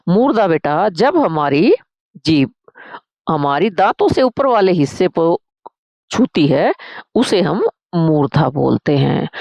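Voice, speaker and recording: A woman's voice: on the low side, gravelly, a little mellow, dry recording, lo-fi sound. A woman Sanskrit teacher, teaching a grammar lesson, calling her students "beta" and answering her own questions.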